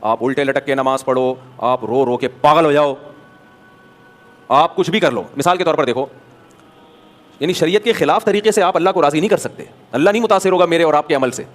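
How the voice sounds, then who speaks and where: Male religious scholar from Pakistan, somewhat high-pitched, with a chatty, anecdotal sermon delivery. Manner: animated storyteller, acts out dialogues, rhetorical questions.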